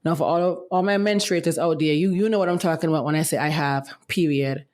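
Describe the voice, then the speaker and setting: A young woman chats candidly on her own casual podcast, and the medication she's on can be heard in her voice. She talks briskly in a low, slightly mellow register, often throwing in "let me tell you."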